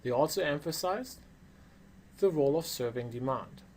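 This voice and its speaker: A man's voice: a little high, expressive, normal speed, darkish tone, a little hiss or hum. A man with a non-native English accent gives a prepared lecture as a course instructor, explaining things with emphasis. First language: not English.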